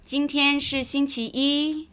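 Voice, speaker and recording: A woman giving short, clear model answers in a scripted language lesson. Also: sits high, level tone, slow pace, fairly bright tone. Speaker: Chinese lesson reader.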